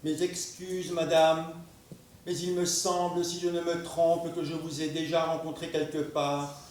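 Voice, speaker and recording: An actor playing a formal, earnest gentleman who speaks with slow, ceremonious politeness in a stage play. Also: on the high side, level tone, recorded from a distance, a little hiss or hum, natural voice. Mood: formal, wondering. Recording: echoey room, miked from afar.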